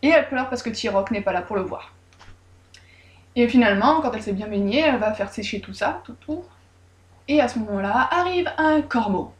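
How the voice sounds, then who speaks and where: A woman retells a folk tale in a casual, lively way, dropping irreverent jokes as she goes. Her voice sits a little high and carries a roomy echo. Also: brisk. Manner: lively, joking, irreverent asides. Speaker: storyteller.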